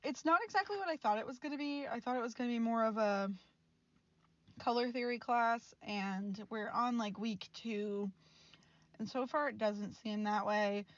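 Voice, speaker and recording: An art student in her twenties rambles frankly over footage of her artwork in a casual, mildly exasperated voice-over vlog, laughing often. Her voice is on the high side and moderately paced, and the muffled recording has no echo.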